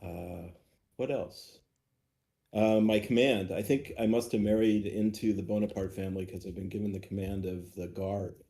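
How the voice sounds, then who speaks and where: A middle-aged man playing a wargame, talking slowly and hesitantly. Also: fairly low pitch, steady tone, creaky, warm tone. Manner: slow, hesitant. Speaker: player. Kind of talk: casual chat.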